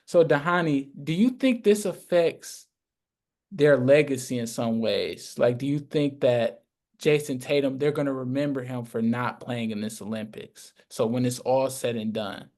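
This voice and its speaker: A man's voice: medium pitch, measured pace, a little mellow. Conversational man hosting a morning radio interview. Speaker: morning show host interviewing a guest.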